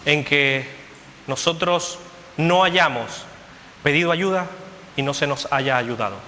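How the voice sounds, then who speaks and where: A man preaching a sermon with a bright, forceful voice, a little higher than most men. He hammers his points through repetition in a steady preaching cadence. The recording carries a long church hall echo over faint room noise. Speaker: pastor.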